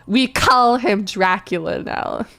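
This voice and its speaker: With faint music behind her, a woman of medium pitch and slightly bright tone hams up a dramatic reading of poorly written fan fiction. This streamer's exaggerated delivery keeps every intentional misspelling intact.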